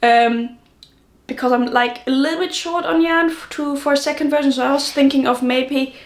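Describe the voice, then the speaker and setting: A knitting podcast host chats alone in a casual, rambling way, fixing her own words as she goes. Her high voice, still not fully over a lingering cold, keeps a steady tone at a moderate pace, and the room is reverberant.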